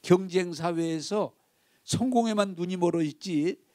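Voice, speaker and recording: A man's voice: high-pitched, a little slow, a little mellow, no echo. A male pastor preaching a sermon, telling a story with feeling and speaking straight to the congregation. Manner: emotive storytelling, addressing the congregation directly.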